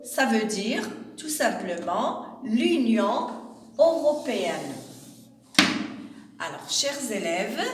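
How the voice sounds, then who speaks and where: A woman teacher speaks slowly and carefully to her class, her fairly high voice rising and falling a lot. She keeps stopping to give examples and check that the pupils follow. The recording is echoey with a long reverb, and she sounds far from the mic. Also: very noisy. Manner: slow, explains with examples and asks "D'accord?". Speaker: primary school teacher. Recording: echoey room, voice from away from the mic.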